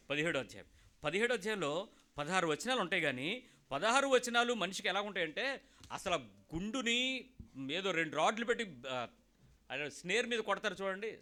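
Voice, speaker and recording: A man preaching a sermon as pastor, joking and talking straight to the listeners, acting out the people he quotes. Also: sits high. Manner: lively, joking, talks straight to listeners and acts out callers.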